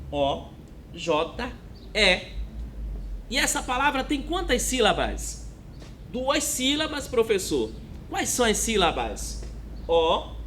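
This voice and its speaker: A man teaches a lesson at an unhurried pace, his high voice rising and falling a lot. He keeps asking his listeners whether they follow. A faint rumble runs under the recording. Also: fairly bright tone. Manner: slow, drawn-out, checks in with "né?" and "tá bom?".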